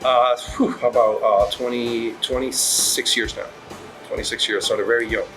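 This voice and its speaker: A man's voice: mid-range voice, steady tone, normal speed, fairly bright tone, poor audio. A middle-aged man from Puerto Rico, a restaurant managing partner, answering interview questions in a rambling way with many fillers and restarts. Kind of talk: casual interview. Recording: music playing underneath.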